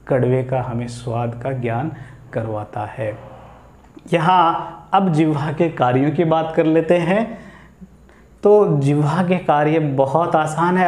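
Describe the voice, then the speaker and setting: A man's voice: a little high, darkish tone. A man teaching biology step by step, repeating the key points. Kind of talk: classroom explanation. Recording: echoey room.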